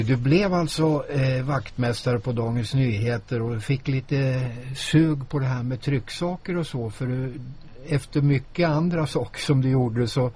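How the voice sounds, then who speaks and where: A man's voice: mid-range voice, darkish tone. A man hosting a radio interview and prompting his guest with short questions. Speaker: radio host.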